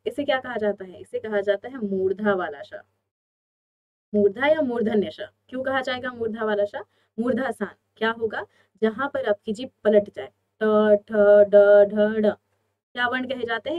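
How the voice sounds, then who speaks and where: A woman's voice: a little high, moderate pace, dull audio. A woman teaching an online exam-prep Hindi lesson, explaining step by step and answering her own questions.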